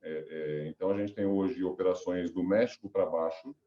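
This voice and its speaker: This rambling business interview features a middle-aged company director whose cold leaves his voice stuffy and nasal, and he restarts and uses fillers often. He speaks at normal speed in a low, warm voice with fairly even intonation, and the recording is muffled and reverberant.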